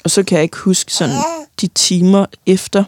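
A young woman giving a halting, personal account of loss in an interview, often pausing and restarting, sometimes tearful. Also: lowish voice, steady tone, darkish tone, dry recording. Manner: halting, many fillers and restarts, tearful at times.

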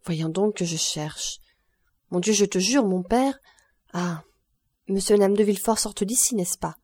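A woman's voice: medium pitch, normal speed, dark tone, breathy edge, no echo, studio quality, lightly acted. A woman reading an audiobook, voicing an earnest young woman who speaks anxiously and affectionately to her grandfather. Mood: pleading.

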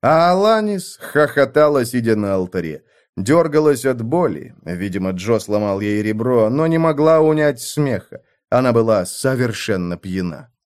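A man narrating a violent fantasy audiobook with intense, theatrical delivery, mid-pitched. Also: very animated, moderate pace.

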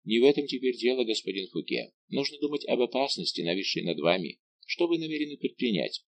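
A man reading an audiobook voices a young noblewoman who speaks softly and earnestly. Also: mid-range voice, animated, fast, slight background noise, lightly acted. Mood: tender. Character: young noblewoman, tender and resolute.

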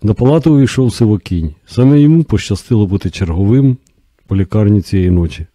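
Male audiobook narrator, steady and measured, very dark mellow tone, dry close sound. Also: on the low side, no room sound.

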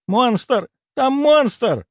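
Guy putting on shrill old noble lady mage, way up high, loud, dull dry sound. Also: expressive, drawn-out words, dry recording, full character voice. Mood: frantic. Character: very old noble woman mage, excitable and fierce. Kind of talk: audiobook character voice.

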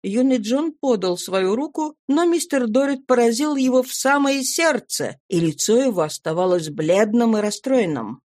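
A woman reading a classic novel aloud in measured, expressive narration. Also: fairly high pitch. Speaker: audiobook narrator. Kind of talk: scripted literary narration.

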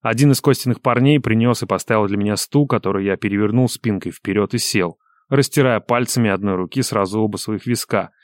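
Grim, measured male audiobook narrator, close and dry. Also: fairly low pitch, dry recording. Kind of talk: scripted first-person narration.

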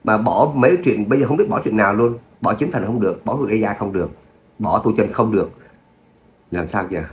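Guy reading a serial story, lowish voice, echoey room. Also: brisk. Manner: chatty, with filler words, then a steady reading. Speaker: audio story narrator. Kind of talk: casual chat, then story narration. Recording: roomy echo, faint hum.

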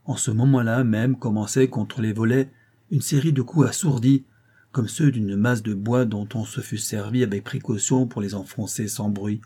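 Male audiobook narrator, warm and husky, measured dramatic reading. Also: on the low side, fairly even intonation. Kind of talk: audiobook reading of a classic novella.

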